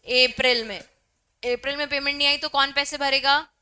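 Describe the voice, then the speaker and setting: A woman's voice: high voice, fairly even intonation, normal speed, pushed and bright. A young woman teaching a law class, explaining with everyday examples and mixing Hindi and English terms.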